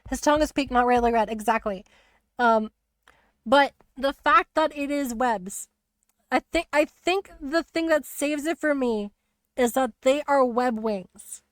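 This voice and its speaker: A woman streamer chatting casually about a video game, rambling and animated with lots of fillers. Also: high voice, unhurried, dry recording. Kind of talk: casual spoiler chat on a live stream.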